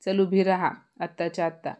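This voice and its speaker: An angry middle-aged husband shouts orders at his family in a storybook tale, read by a woman narrator. The voice is somewhat low and pushed loud, with a scolding edge. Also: steady tone, normal speed, close to an everyday voice. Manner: harsh, scolding.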